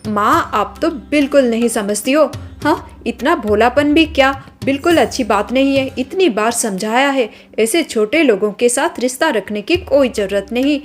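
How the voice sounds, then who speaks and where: A woman's voice: fairly high pitch, lively intonation, normal speed, hardly any pauses, soft background music, lightly acted. A woman voicing an arrogant, spoiled young woman from a rich family who scolds and sneers, in a storybook drama. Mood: haughty scolding.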